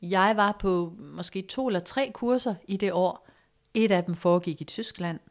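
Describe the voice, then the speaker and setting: A woman calmly telling a personal story in a casual conversation, reflective and hesitant, with fillers and soft, hushed stretches. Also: mid-range voice. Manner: reflective, hesitant with fillers, drops to soft near-whisper at moments.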